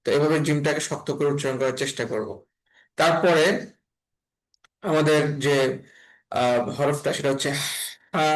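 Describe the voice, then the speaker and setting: A man from Bangladesh teaching an online class on letter pronunciation, speaking slowly and repeating each sound several times. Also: a little high, rough recording. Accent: Bangladeshi Bengali. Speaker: Quran reading teacher.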